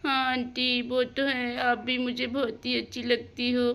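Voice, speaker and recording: A woman voicing a gentle young woman doctor in a doll story, reassuring and soft-spoken. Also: on the high side, monotone, measured pace. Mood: tearful.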